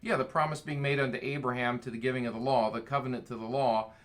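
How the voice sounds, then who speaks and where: Male Bible study leader, bright tone, enthusiastic and playful. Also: mid-range voice, steady tone, fast. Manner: enthusiastic, reads scripture aloud, jokes. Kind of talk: casual Bible study teaching.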